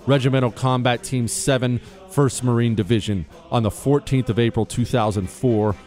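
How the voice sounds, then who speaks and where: An American man, a radio host, reading a military citation aloud in a crisp, formal, scripted manner. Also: medium pitch, steady tone, moderate pace, darkish tone, soft background music. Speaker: radio talk show host.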